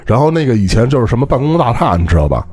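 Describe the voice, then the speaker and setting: Beijing-accented man, husky and animated. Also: medium pitch, very fast. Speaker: podcast co-host. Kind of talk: casual chat.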